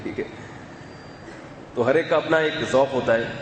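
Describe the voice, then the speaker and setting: Man preaching easy and chatty, asides to the crowd, big echoey room, bit of noise. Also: mid-range voice. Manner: conversational, calm and explanatory, with asides to the audience. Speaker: religious scholar. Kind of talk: sermon. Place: mosque or hall with loudspeaker system. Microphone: loudspeaker microphone. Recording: echoey hall, faint background noise.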